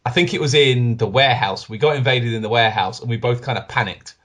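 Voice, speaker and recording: A podcast co-host with a mid-range voice talks fast as he tells a gaming story in casual chat. He's animated and acts out the quotes.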